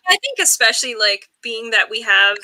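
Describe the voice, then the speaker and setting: A woman's voice: a little high, very animated, normal speed, pushed and bright, dry recording, low-quality recording. A young woman on a casual video call, talking earnestly and rambling, with lots of "like". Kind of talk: casual group video chat.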